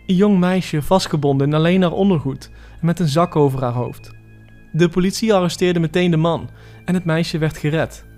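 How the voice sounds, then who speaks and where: A man reading a dramatic first-person horror story for a podcast, measured and tense. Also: a little high, darkish tone. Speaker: podcast narrator. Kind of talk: scripted horror story narration.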